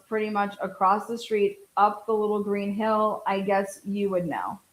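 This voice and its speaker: Her voice sits at medium pitch as she delivers informal true-crime commentary. Reading from a transcript, she interrupts with pointed asides full of skepticism and poses rhetorical questions.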